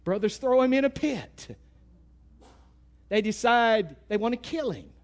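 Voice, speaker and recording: A man with an East Texas accent delivers a sermon in a very high voice. He is folksy and emphatic, jumping from loud bursts to quiet asides. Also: sing-song, unhurried. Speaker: preacher.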